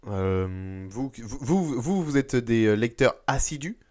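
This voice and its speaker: Man, discussion host, mid-pitched, varied lively intonation, casual chat. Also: slow.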